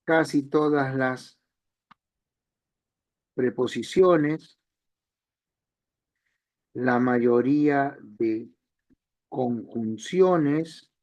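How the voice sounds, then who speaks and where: A man's voice: medium pitch, drawn-out words, pauses often, a little mellow. A man teaching an online language class, explaining step by step and repeating key phrases.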